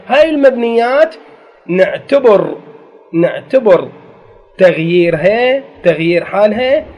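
High-voiced Iraqi man teaching grammar. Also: darkish tone. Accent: Iraqi Arabic. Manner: asks the class questions and answers them himself. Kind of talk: classroom lecture. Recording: dull lo-fi recording.

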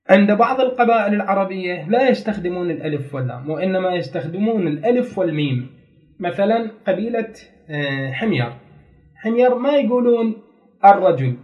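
A man's voice: high-pitched, lo-fi sound. A man teaching a grammar lesson, explaining step by step, repeating key terms and putting questions to his students. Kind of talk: classroom lecture.

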